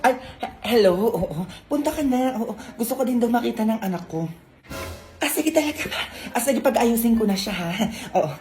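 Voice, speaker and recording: A woman's voice: on the high side, animated, normal speed, a little mellow. A woman performing a comedy skit, switching between bossy, teasing characters. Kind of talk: comedic skit acting in several roles. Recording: music playing over the skit.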